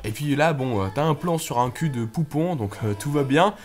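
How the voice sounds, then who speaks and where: A man's voice: on the high side, lively intonation, normal speed. A man co-hosting a comedy web show, giving casual, informative commentary in colloquial language. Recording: music clearly behind.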